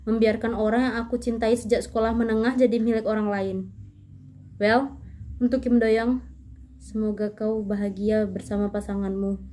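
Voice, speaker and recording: A woman reading the part of a gentle young man saying his last farewells in a fan story, in a soft, plain reading voice with a high pitch. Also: flat delivery, moderate pace, slight background noise, natural voice. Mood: wistful letter.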